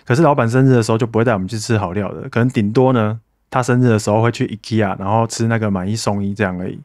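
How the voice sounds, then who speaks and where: A man's voice: on the low side, racing, a little mellow, no echo, clean studio sound. A man from Taiwan hosting a casual solo podcast, chatty and self-mocking as he talks to listeners and thanks donors. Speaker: podcast host.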